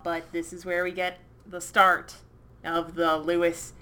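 A woman co-hosting a podcast, chatting enthusiastically with quick asides. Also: fairly low pitch, little pitch movement, pushed and bright. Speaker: podcast co-host. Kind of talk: casual chat.

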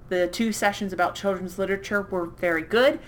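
A woman co-hosting a podcast, chatting enthusiastically with quick asides. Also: mid-range voice, steady tone, a little hiss or hum. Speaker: podcast co-host. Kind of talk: casual chat.

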